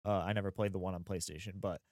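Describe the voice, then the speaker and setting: A man's voice: low voice, fairly even intonation, fast, darkish tone, no echo. Casting: man, 30s, laid-back podcast co-host, rambly and chatty, close dry mic. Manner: rambling, lots of fillers and laughs. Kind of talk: casual chat.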